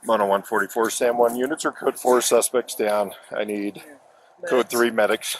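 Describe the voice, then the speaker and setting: A man's voice: medium pitch, fairly even intonation, moderate pace. A male police officer giving terse, clipped commands and radio reports, recorded outdoors on a body-worn camera. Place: outdoors on a street. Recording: faintly noisy body camera audio.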